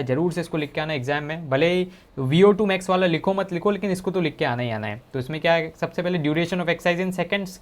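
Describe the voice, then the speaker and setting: A male teacher with a slightly high voice explains exam answers step by step. He talks casually and directly to his students, often calling them "bhai sahab". His is full of English technical terms. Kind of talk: exam-prep lesson.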